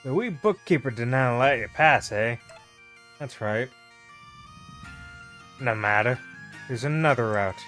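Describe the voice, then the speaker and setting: Man doing a scheming squirrel guide, rough put-on Scottish accent, gruff and blunt. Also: medium pitch, expressive, measured pace, pauses often, a bit bright, soft background music. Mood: wheedling. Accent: attempted Scottish.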